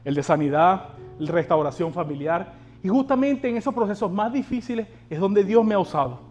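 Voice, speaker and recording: A man with a notably high voice preaches to his congregation, pressing them with questions and calls to act. Faint instrumental music plays softly behind him. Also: lively intonation, a little fast, highs cut off. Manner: exhorting, asks the congregation rhetorical questions. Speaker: pastor. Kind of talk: sermon.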